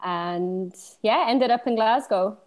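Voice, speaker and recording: A woman from Slovenia in her thirties, a DJ guest talking in a relaxed, thoughtful way, with many pauses and easy laughs. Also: medium pitch. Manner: thoughtful, hesitant, laughs easily. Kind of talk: casual interview chat.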